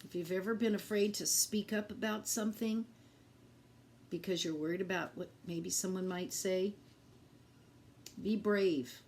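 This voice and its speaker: A woman reading a picture book aloud to children in an expressive, deliberate teacherly way, speaking directly to her young listeners. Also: mid-range voice, a little hiss or hum.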